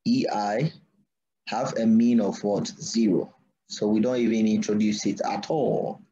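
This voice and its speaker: A man lecturing a class at a deliberate pace, often pausing to ask "what?" so students can fill in the word. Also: on the low side, mellow. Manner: asks students to finish his sentences with "what?"; slow deliberate delivery. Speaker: university lecturer. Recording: dull lo-fi recording.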